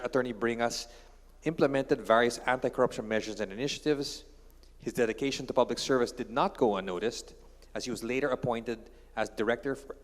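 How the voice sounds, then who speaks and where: Filipino male moderator, even mid-pitch, formal intro, hall reverb. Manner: formal, steady, reads prepared text. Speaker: conference moderator. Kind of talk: reading a speaker introduction. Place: large conference hall.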